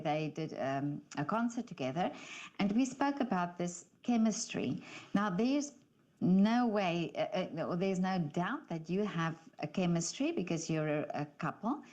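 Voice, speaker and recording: A woman's voice: on the low side, a little mellow. A woman interviewing two musicians, who hunts for her words and restarts her sentences often. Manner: halting, searching for words with many restarts. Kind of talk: conversational interview.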